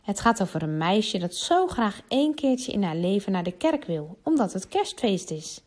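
A woman reading a children's Christmas story aloud, expressive and lively, giving the characters their own voices. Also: mid-range voice, moderate pace.

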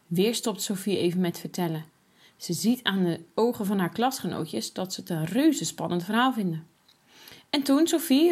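A woman reads a children's story aloud. Her delivery is lively and expressive, and she gives each character's line its own voice. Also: fairly high pitch.

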